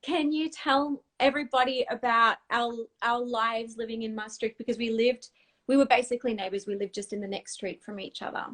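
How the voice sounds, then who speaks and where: A woman's voice: a little high, steady tone, brisk. Chatty woman hosting a livestream chat. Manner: warm chatty storytelling with laughter. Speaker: host.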